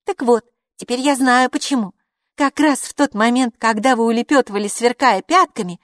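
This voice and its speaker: A woman's voice: a little high, normal speed, fairly bright tone, dry recording, studio quality, voice pushed up, lightly acted. A woman voicing a proud, bossy older girl who talks in a smug, commanding way.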